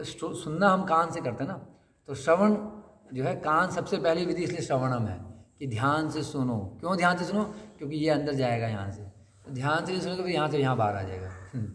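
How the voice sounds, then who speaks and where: Man giving a sermon in a reverberant hall. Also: medium pitch. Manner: conversational, asks the audience questions and acts out quotes. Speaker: speaker of a scripture class. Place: temple hall. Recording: long hall reverb, faint noise.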